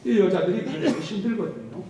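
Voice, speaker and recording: A male pastor preaching a Sunday sermon in an animated way, acting out quoted speech. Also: sits high, fast. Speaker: senior pastor. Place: large church sanctuary. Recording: very echoey hall, distant mic, faint hiss.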